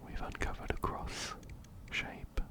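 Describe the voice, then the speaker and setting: Playing a video game as an ASMR host, a man whispers gently and breathily into a binaural microphone from close range. He goes slowly, softly repeating phrases in his soothing commentary.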